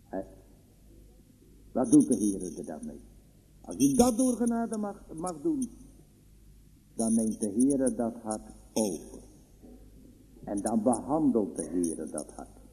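A man preaching a sermon in a church, solemn and emphatic, with sudden high outbursts. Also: sing-song, slow pace, long pauses, dark tone. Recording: long reverb of a church hall.

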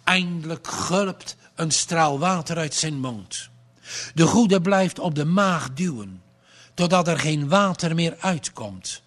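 A man narrating a storybook aloud with a slow, dramatic read-aloud delivery. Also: on the high side, expressive, fairly bright tone.

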